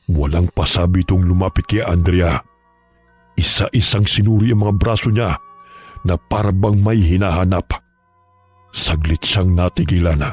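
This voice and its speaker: Husky low-voiced horror narrator. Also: male voice. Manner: steady, measured storytelling.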